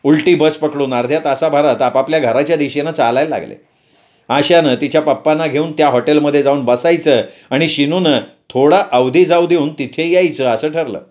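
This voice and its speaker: A man's voice: fairly high pitch, a little fast, a little mellow. A man narrating a story, with playful asides to the listeners.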